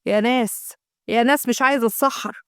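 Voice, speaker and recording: A woman's voice: on the high side, fairly quick, clear, resonant tone, dry recording, studio quality, natural voice. A woman voicing a grumpy, sleepy young husband with an Egyptian accent, grumbling as he speaks. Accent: Egyptian Arabic.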